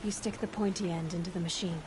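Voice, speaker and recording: An actress playing a dry-witted young woman hunter in a video game, answering in a wry, deadpan way. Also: fairly low pitch, fast talker, noisy background, lightly acted.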